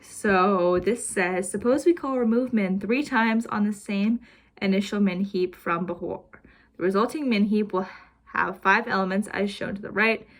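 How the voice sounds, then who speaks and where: A woman's voice: mid-range voice, moderate pace. A young woman casually walking through her homework answers as a student, rambling with lots of "basically" and "like", a little out of breath. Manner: rambling, heavy use of "basically" and "like". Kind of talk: casual recorded homework walkthrough.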